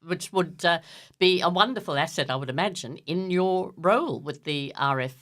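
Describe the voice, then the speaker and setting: An older woman hosting a community radio interview, speaking gently with frequent pauses and fillers. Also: fairly low pitch. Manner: gentle, halting with many fillers. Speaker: radio host.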